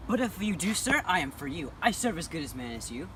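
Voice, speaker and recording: A man's voice: on the high side, sing-song, fairly quick, a bit bright. A man playing a blustering sword-waving brawler with bold bravado in an amateur Shakespeare parody. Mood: defiant bravado. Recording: noisy, somewhat distant home recording.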